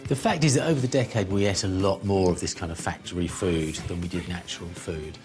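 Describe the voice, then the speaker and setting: A man's voice: low voice, brisk, over music. A man, a father in a family experiment, chatting casually in a jokey, playful way. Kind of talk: casual chat.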